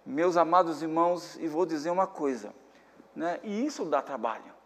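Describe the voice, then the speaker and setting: A pastor preaching a sermon, earnest and preacherly, mixing personal family stories with calls to pray. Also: male voice, a little high, expressive, moderate pace. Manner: earnest, preacherly, repeats "meus amados irmãos". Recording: long hall reverb.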